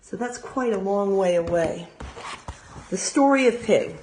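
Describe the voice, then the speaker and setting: An American woman, teaching young children, reads a storybook aloud expressively and stops now and then for simple explanatory asides. Her pitch is medium, and there's a little hiss or hum.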